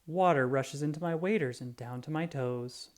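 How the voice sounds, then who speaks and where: A children's picture book is read aloud in an expressive, storytelling style, at medium pitch and normal speed.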